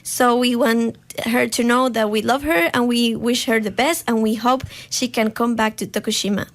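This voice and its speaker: Speaking into a studio microphone, a young radio host from Costa Rica whose first language is Spanish leads a live chat that's upbeat yet hesitant, packed with fillers. Her voice is a little high, with fairly even intonation and a moderate pace.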